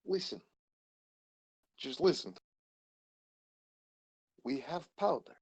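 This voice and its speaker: Man, tabletop player in character, wavering fake Russian accent, animated pitch, argumentative. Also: slow, husky. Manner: argumentative, with a put-on Russian accent that comes and goes. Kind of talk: in-character tabletop role-play.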